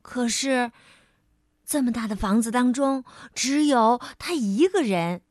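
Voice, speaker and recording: A woman narrating a bedtime story for young children, gently speaking to the child as her little darling. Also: a little high, expressive, takes it slowly, no room sound, studio quality. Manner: gentle, addresses the child as baby.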